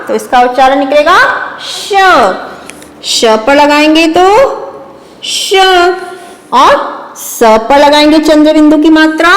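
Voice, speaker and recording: A high-voiced woman teacher talks young children through letter sounds slowly and patiently, repeating each one. Her voice rings in a roomy space with a long reverb tail. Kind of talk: children's phonics lesson.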